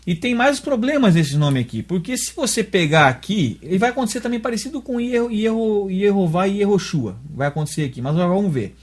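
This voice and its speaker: A Brazilian man with a somewhat high, husky voice walks through a religious lesson point by point. He keeps pausing to check that his listener is following. His delivery is conversational and patient. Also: big pitch swings. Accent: Brazilian Portuguese. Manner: explains step by step, often checks understanding with tag questions. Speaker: religious teacher. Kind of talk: explanatory dialogue lesson.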